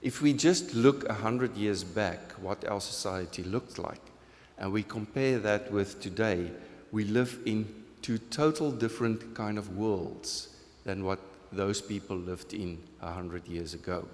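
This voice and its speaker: The voice is on the low side and unhurried: a South African-accented pastor from South Africa giving an earnest, conversational sermon with questions from the congregation. He laughs at his own jokes, and the church sanctuary adds a long hall reverb.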